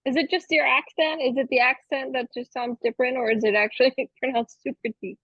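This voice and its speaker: A woman's voice: sits high, steady tone, brisk, slightly rough, dry recording. A woman joining a video call to ask a question, chatty and apologetic, talking while eating. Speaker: participant asking a question. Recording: muffled dry lo-fi video call audio.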